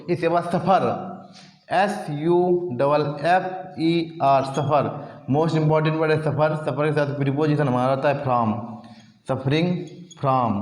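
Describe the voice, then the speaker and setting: Man, vocabulary teacher, sing-song repetition, spelling aloud, slightly high voice, reverberant hall. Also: darkish tone. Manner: drawls and repeats words in a sing-song chant. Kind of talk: exam vocabulary lesson, spelling words aloud. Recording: echoey room with long reverb.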